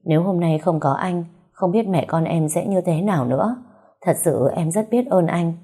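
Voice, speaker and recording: A woman reading the lines of an anxious, tearful young mother in a storybook, soft and pleading. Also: on the low side, moderate pace, slightly rough.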